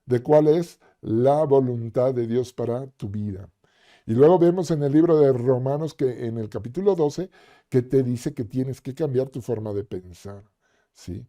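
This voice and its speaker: A man's voice: mid-range voice, measured pace, dark tone. A man preaching a sermon in a conversational way, often checking in with the listener. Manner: conversational, with fillers and repeated questions to the listener.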